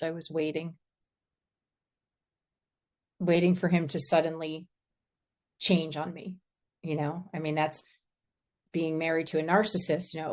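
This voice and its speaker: A woman sharing a personal faith story in a group discussion, earnest and halting, often breaking into laughter. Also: low-pitched, a little mellow.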